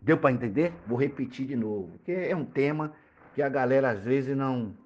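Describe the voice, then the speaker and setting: A man's voice: mid-range voice, moderate pace, muffled recording. A man from Bahia, a teacher and cultural activist, earnestly explaining a topic to podcast listeners. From Bahia, Brazil.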